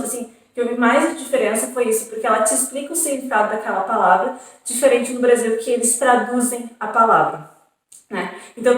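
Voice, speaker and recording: A young woman from Brazil with a southern Brazilian accent talks casually to her viewers, piling on tag questions and fillers. Her voice sits a bit high. She sounds set back from the mic in a very echoey room. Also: distant mic. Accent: southern Brazilian Portuguese. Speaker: vlogger on an exchange program. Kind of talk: casual chat.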